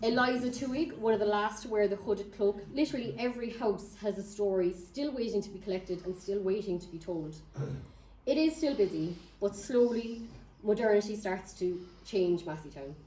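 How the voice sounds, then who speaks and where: A woman's voice: medium pitch, normal speed, warm tone, distant mic. A woman with a County Cork Irish accent gives an informal local history talk, telling stories with wry humour. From Ireland. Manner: wry, lightly humorous. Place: echoey indoor room before an audience. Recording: echoey room, picked up from afar.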